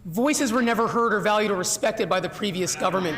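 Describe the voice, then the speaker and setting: A man's voice: high-pitched, brisk, a bit bright. A man speaking as a government minister in an emphatic, rhetorical parliamentary speech with repeated phrases. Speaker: health minister. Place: large legislative chamber. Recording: very echoey hall with crowd noise.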